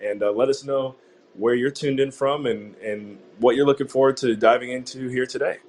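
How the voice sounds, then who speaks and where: A man's voice: mid-range voice, fairly even intonation, moderate pace, darkish tone. A man hosting an online talk show, chatting casually with many fillers and restarts. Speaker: podcast host. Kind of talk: casual interview chat.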